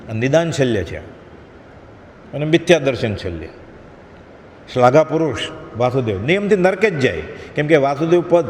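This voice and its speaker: A man delivers a devotional discourse in a slightly high voice, earnest and admonishing. His words ring out with a long reverb in a large hall, over a faint ambient hum. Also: darkish tone. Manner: earnest, admonishing, acts out short quoted prayers. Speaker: spiritual lecturer. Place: satsang hall.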